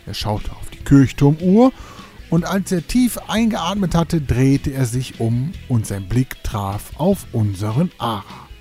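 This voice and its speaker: A man narrating a children's storybook tale in an animated, playful way. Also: medium pitch.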